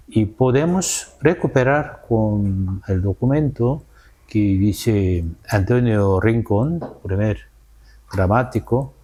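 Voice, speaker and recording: A man from South Korea with a Korean accent, a scholar answering interview questions in halting, careful non-native Spanish, often adding "¿no?". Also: fairly low pitch, dark tone.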